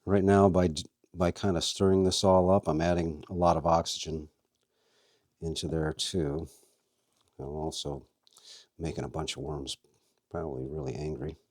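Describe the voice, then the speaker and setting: A man's voice: a bass voice, level tone, moderate pace, pauses often, a little mellow, no echo, studio quality. A man hosting a casual how-to video, chatting as he works and talking to his worms. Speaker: vlog host and worm farmer.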